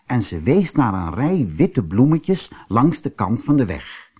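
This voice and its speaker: A man reading a fairy tale aloud as a storyteller, slow and very expressive. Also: medium pitch, breathy edge.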